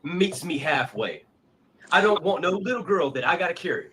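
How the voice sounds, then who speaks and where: Man, 30s, husky and lively-pitched, earnest and lecturing, clip audio. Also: normal speed. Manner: earnest, lecturing about what he wants. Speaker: panelist in a played clip.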